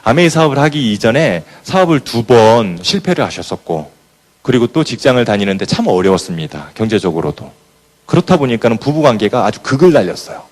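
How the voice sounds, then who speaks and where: Man, motivational speech, lively swooping pitch, animated storytelling, acts out scenes. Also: fairly quick. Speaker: business leader giving a motivational talk.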